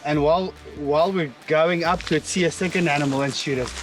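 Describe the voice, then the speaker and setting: A man guiding a hunt outdoors, excited and laughing often as he talks about the shots. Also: a little high, fast talker, faint music behind. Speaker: professional hunter guide. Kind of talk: casual hunting show talk. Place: outdoors in the bush.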